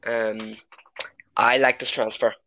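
A man's voice: medium pitch, little pitch movement, takes it slowly, pushed and bright, no echo, low-quality recording. A man hosting a football podcast in a casual, chatty way. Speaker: podcast host. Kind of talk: casual chat, moderating a football discussion.

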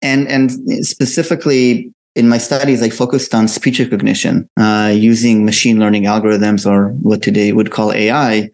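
A man's voice: fairly low pitch, level tone, normal speed, few pauses, darkish tone. A middle-aged man with an Israeli accent, a company founder answering interview questions, often restarting with fillers. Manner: many fillers and restarts, explanatory. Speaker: company co-founder and CEO, guest.

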